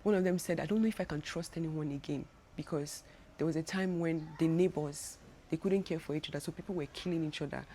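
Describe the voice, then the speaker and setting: A woman's voice: sits low, fairly quick, dark tone, a little hiss or hum. A young Nigerian woman with a Nigerian accent, talking casually to camera in a travel vlog, chatty and full of restarts. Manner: chatty, many restarts and repeated words. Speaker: travel vlogger.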